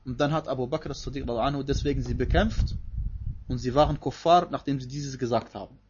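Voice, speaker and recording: A man's voice: mid-range voice, quick pace, darkish tone, lo-fi sound, slight background noise. A man teaching a Quran commentary lesson, explaining emphatically and reciting Arabic verses between his points.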